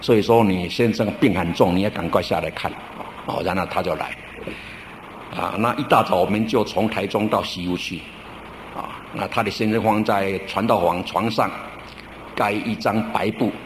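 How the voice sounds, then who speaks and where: A middle-aged male pastor preaching a sermon in a relaxed, storytelling way, drawing out his sentence-end particles. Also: fairly low pitch, normal speed, slight background noise. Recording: roomy church recording with faint ambience.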